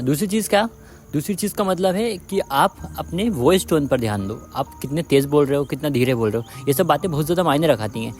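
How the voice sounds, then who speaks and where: A man's voice: on the high side, a little mellow. A man hosting an advice video, talking straight to his viewers, calling them friends and repeating his points again and again. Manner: repetitive, addresses viewers as friends. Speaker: dating advice video host. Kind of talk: direct-to-viewer advice talk.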